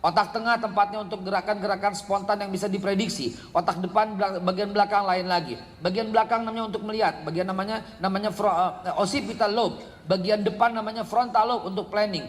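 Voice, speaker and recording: A middle-aged man preaching a parenting sermon to a congregation, animated, swinging from quiet asides to loud scolding outbursts. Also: high voice, fast talker, slight background noise. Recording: echoey hall reverb.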